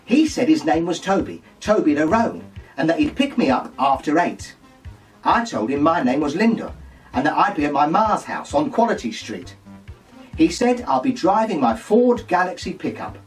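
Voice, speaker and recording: A man playing a gossipy, saucy pantomime dame in a camp, shrill, mock-scandalised voice, delivering a comic monologue. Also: very animated, moderate pace, far from the mic, faint music behind, low-quality recording. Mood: gossipy, dreamy. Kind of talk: comic monologue full of puns.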